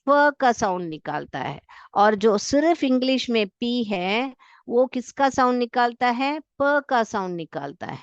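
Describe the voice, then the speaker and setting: A woman teacher with an Indian accent explains alliteration. She reads example sentences slowly and sounds out the letters one by one, asking her students questions and answering them herself. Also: a little high, expressive, clear, resonant tone, no echo, muffled recording. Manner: addresses students as beta, asks and answers her own questions. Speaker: English teacher. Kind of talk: classroom lesson explaining alliteration.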